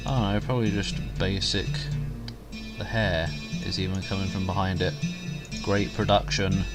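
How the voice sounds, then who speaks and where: A man's voice: low voice, fairly even intonation, normal speed, over loud music. A man giving casual, rambling commentary as a video host, grumbling and poking fun at himself with mild swearing. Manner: self-mocking, grumbling, mildly sweary.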